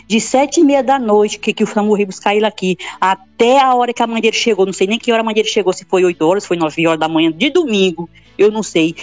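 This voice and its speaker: A woman's voice: mid-range voice, no room sound. A woman giving an emotional church testimony, retelling it in a breathless, repetitive rush. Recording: dull lo-fi sound.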